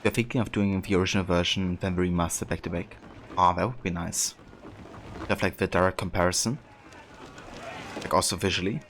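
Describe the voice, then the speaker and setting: A man's voice: deep voice, steady tone, brisk, long pauses, fairly bright tone. A man livestreaming a video game, chatting casually with viewers in a hesitant, thoughtful way. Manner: hesitant, thoughtful, reads and answers chat. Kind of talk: casual chat with viewers while playing. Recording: clear background game noise. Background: game ambience.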